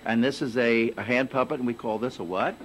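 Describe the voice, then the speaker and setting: A man's voice: mid-range voice, slight background noise, low-quality recording. A man reporting live for a morning news show from inside a puppet theater, joking and theatrical. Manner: theatrical, playful, quick to joke. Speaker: TV field reporter. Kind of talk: lively on-location morning news segment.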